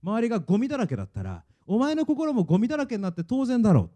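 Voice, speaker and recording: A scornful, sneering devil goads its listener in a pitched-up, mocking tone, as a male preacher puts it on. The voice sits well above the man's own and stays dark and mellow in colour. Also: wildly swooping pitch, very fast, exaggerated voice. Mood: taunting. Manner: mocking, goading.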